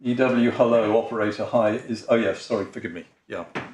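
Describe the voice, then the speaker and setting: A man's voice: lowish voice, fairly even intonation, brisk, darkish tone, slight background noise. An English man, a barrister addressing appeal judges, speaking hesitantly with frequent ums, restarts and apologies. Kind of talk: courtroom legal submission. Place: large courtroom. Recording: roomy courtroom audio.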